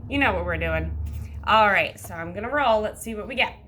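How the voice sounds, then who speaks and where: A woman's voice: medium pitch, lively intonation, brisk, sharp tone, slight background noise. A woman teacher talking like a kids show host to young children, with simple sing-song instructions and counting aloud.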